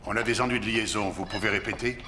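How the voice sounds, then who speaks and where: An actor playing a male army general, heard calm and measured over a crackly, distant radio line with static. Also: fairly low pitch, echoey room. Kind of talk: dubbed film acting.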